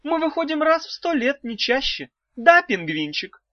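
Man doing a cooing falsetto she-monster. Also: big pitch swings, normal speed, no room sound. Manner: coos pet names at her husband. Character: doting middle-aged female brain-eater, sweet and scatterbrained. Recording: dull, slightly lo-fi dry recording.

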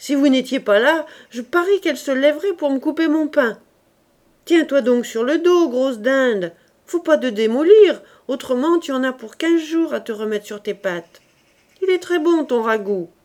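A woman reading aloud, voicing a boisterous working-class roofer husband who teases loudly. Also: high-pitched, expressive, moderate pace, voice pushed up. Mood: teasing. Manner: loud, teasing, bantering.

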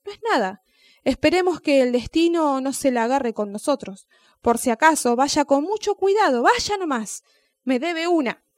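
A woman voicing a crafty, calm male snail who talks patiently and persuasively. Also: high voice, moderate pace, no echo, voice pushed up. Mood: grudging.

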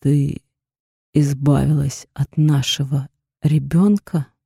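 A woman voicing a hot-tempered young man, a blunt, gruff boyfriend who shouts in anger. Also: mid-range voice, moderate pace, no echo, studio quality, natural voice. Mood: stern.

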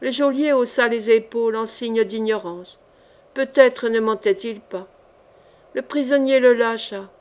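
A woman's voice: on the high side, unhurried, a little mellow. Woman reading a swashbuckling novel aloud. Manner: voices the characters with changing emotion. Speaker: audiobook reader. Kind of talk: expressive audiobook narration.

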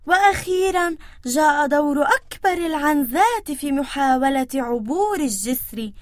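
Woman storyteller for children, high pitched, animated sound effects, dry studio. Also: no echo. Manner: expressive, acting out sounds.

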